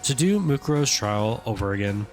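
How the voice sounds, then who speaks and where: A man's voice: fairly low pitch, expressive, moderate pace. A man doing a game playthrough, reading the dialogue theatrically with casual commentary. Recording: game music behind the voice. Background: game music and short character voice clips.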